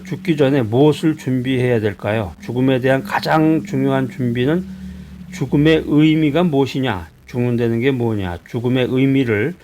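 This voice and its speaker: A man's voice: medium pitch, darkish tone, slight background noise. Korean pastor preaching, man from Seoul. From Seoul, South Korea. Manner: conversational preaching with rhetorical questions and frequent hesitations. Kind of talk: sermon.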